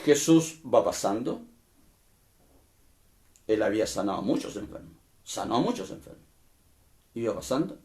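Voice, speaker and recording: A pastor preaches a sermon, moving between emphatic bursts and quieter asides and often questioning his listeners directly. His voice is lowish and sing-song, at a normal speed with long pauses.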